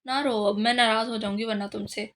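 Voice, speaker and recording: A woman's voice: on the high side, fairly even intonation, brisk. A woman reading the lines of an affectionate, shy young wife in a romance novel. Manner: gentle, affectionate.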